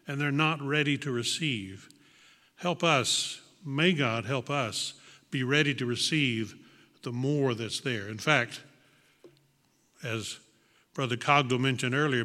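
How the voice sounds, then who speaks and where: A man's voice: medium pitch, sharp tone. A man preaching a sermon to a congregation, earnest and reflective, repeating words for emphasis. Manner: earnest, reflective, with small restarts and emphatic repetition. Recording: long hall reverb.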